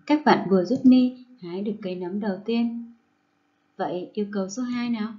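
A woman primary school teacher giving a recorded lesson to first graders, reading rhymes and words aloud slowly and clearly. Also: mid-range voice, warm tone, muffled recording.

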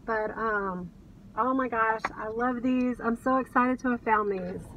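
Enthusiastic and chatty, this American reseller in middle age shows thrift finds to her camera while sitting in a car. Her fairly high voice is unhurried and a bit bright, caught by a distant mic amid background noise.

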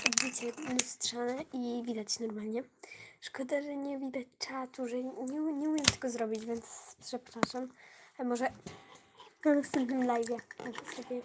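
Slow, whispery woman streamer with a cold. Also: fairly high pitch, heavy background noise. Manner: often drops to a whisper while playing; chatty asides to viewers, easily flustered. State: voice affected by a cold. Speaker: gaming livestreamer. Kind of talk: casual live gaming stream.

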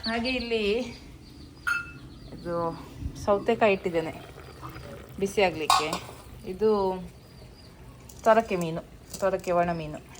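A woman's voice: on the low side, slight background noise. Chatty mother vlogging at home. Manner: chatty, coaxing and teasing with her child. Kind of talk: casual home vlog chat.

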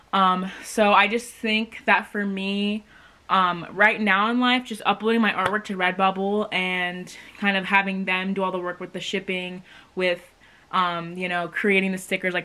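A woman's voice: medium pitch, bright, forceful tone. A young American woman vlogger chatting casually to the camera at home, rambling with lots of "like". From Maryland, United States. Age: young adult. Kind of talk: casual day-in-the-life vlog chat to camera. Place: rooms at home, indoors. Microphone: camera at arm's length or propped nearby. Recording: clearly noisy home camera audio.

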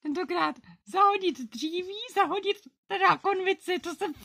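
A woman's voice: very high-pitched, creaky, bright, forceful tone, exaggerated voice. A young female performer voicing a flustered female unicorn pony in a home-made toy play, babbling to herself as she fumbles through chores. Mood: muddled. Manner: scattered, babbling, self-talking.

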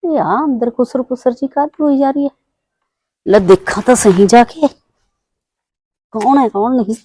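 A woman's voice: a little high, normal speed, dark tone, husky. An actress playing a grumbling, defiant mother-in-law in a drama. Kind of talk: Punjabi web drama acting.

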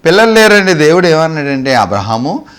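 A male preacher, preaching a sermon as animated storytelling, asking the congregation rhetorical questions and acting out the characters' dialogue. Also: fairly high pitch, normal speed. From Andhra Pradesh, India.

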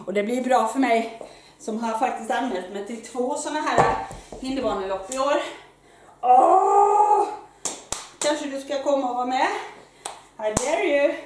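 A woman fitness coach who is out of breath, leading a workout with energetic, loud exclamations while she exercises. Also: high voice. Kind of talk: live workout instruction. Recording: very echoey room, mic far off, faint noise.

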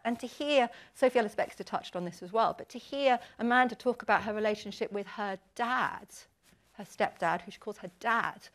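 A woman in her forties, a podcast host speaking on a panel at an industry event, talking earnestly and with animated emphasis. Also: mid-range voice. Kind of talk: candid panel discussion.

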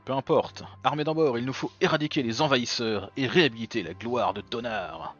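A man's voice: mid-range voice, brisk, a bit bright, dull audio, close to an everyday voice. A man reading the lines of a proud male duke leading his army aloud, in a mock German accent, over faint game music. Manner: reads game dialogue aloud in a put-on accent.

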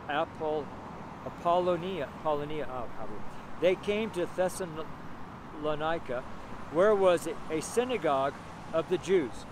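A middle-aged man preaching a street sermon outdoors on a sidewalk, speaking emphatically and rambling with fillers and chuckles, recorded on a close handheld camera. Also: fairly high pitch. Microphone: camera held close, selfie framing. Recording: outdoor street with audible traffic noise. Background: passing traffic.

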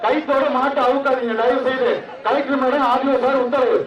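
A man announcing a live outdoor event over a loudspeaker public address, mixing excited cheering with formal honorific announcements. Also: very high voice, brisk, dull audio. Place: outdoor arena with crowd. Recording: echoey loudspeaker heard from far off in a crowd.

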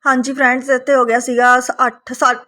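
A woman's voice: high-pitched, flat delivery, fairly quick, bright, forceful tone. A woman with an Indian Punjabi accent narrating a casual family vlog to viewers, chatty and full of little tag questions. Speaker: family vlogger.

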